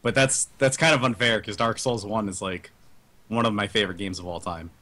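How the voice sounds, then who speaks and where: A man's voice: on the low side, fairly even intonation, a little fast, sharp tone. A man in a casual podcast chat over a video call, hedging his opinions and restarting his sentences. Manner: hesitant, hedges with many fillers and restarts.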